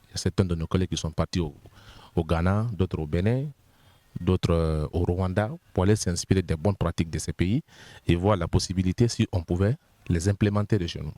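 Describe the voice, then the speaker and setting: An official of the constitutional body, a man with a Guinean French accent, explains his points methodically one by one in an interview, sometimes repeating words as he searches for them. His low voice is warm and brisk, and the recording is dry.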